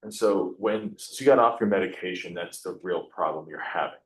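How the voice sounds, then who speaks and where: A man's voice: deep voice, a little fast, rough recording. An American man speaking as a defence attorney in a courtroom, with faint noise around him. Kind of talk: formal address in a courtroom.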